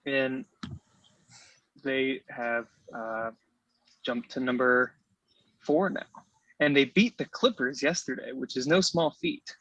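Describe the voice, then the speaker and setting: Jokey podcast guest host, dry sound. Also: male voice, mid-range voice, slow pace, pauses often, a bit bright, no echo, muffled recording. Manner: jokey and playful. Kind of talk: casual podcast chat.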